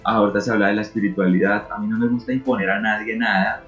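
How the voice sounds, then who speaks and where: A man's voice: fairly low pitch, steady tone, fast, a bit bright. A man speaking as an interview guest, talking earnestly and emotionally about faith and prayer, often repeating words for emphasis. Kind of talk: reflective talk on faith and prayer. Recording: muffled recording with faint music. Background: faint music.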